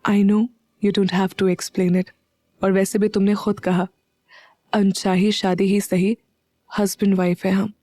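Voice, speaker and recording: Audio-story husband, guarded but tender, soft and mellow, read by a woman. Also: little pitch movement, slow, long pauses, dry recording, clean studio sound, close to an everyday voice. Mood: quiet tender. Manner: soft, low-key delivery.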